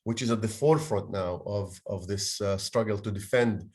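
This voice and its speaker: Man from Haifa, low voice, halting lecture delivery on a video call. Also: darkish tone. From Haifa, Palestine/Israel. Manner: halting, many fillers and restarts. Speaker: guest lecturer. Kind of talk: online lecture talk.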